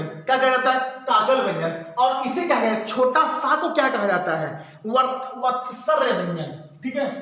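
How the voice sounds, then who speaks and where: Male teacher, very high bright voice, quizzes and answers himself, very echoey room. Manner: asks and answers his own questions, repeating. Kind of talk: exam-prep lesson.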